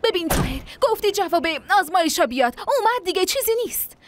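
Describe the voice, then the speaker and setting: An actress dubbing a spirited, stubborn young pregnant wife who snaps back with sharp, teasing retorts. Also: female voice, extremely high pitch, very animated. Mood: arguing. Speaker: dubbed drama character. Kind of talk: Persian TV dub acting.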